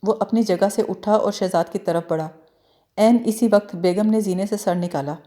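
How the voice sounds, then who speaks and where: A woman narrates a novel for an audiobook in a mellow, warm voice at a middling pitch. Her telling is expressive, and she slips into the characters' lines as she reads.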